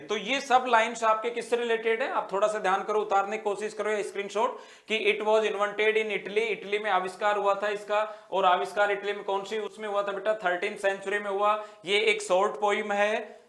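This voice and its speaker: High-voiced male teacher dictating slowly. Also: fairly bright tone. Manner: slow, dictation-paced English phrases, repeated and then explained in Hindi; calls students "beta", quizzes them with questions. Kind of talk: online exam-prep lecture. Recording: roomy echo.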